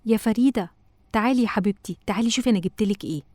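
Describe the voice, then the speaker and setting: A woman with an Egyptian accent voicing a loving, patient mother in a cartoon, talking gently and coaxingly. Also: medium pitch, very fast, no room sound, clean studio sound, natural voice. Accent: Egyptian Arabic. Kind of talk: cartoon voice acting.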